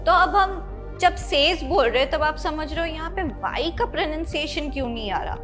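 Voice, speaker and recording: A woman with a high voice gives a pronunciation lesson. She explains each word step by step and spells it out letter by letter. Soft music plays behind her. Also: expressive, moderate pace. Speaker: English pronunciation teacher. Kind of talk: classroom-style lesson. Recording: light background music.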